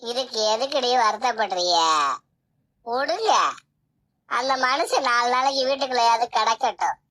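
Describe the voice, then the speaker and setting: A woman's voice: a little high, moderate pace, a bit bright. A woman voicing a domineering, scolding village headman's wife in a cartoon. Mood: dismissive. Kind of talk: cartoon voice acting.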